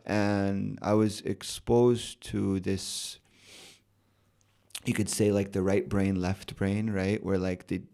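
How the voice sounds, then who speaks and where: Podcast guest: young American man, low gravelly voice, thoughtful and loose, lots of restarts. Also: slow pace. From United States. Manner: relaxed, thoughtful, many fillers and restarts. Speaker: rapper and poet guest. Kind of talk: casual podcast interview.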